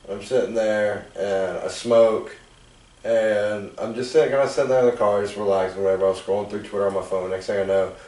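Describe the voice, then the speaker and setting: A man hosting a casual podcast, telling stories with loud acted-out quotes and casual swearing. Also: fairly low pitch. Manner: animated storyteller, acts out quotes loudly, swears casually. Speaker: podcast host. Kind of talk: casual chat, storytelling. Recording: echoey room, far from mic.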